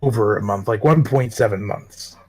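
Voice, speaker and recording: A man's voice: lowish voice, normal speed. Easygoing male game master. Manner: relaxed, casual, a bit rambling. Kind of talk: narrating a tabletop game.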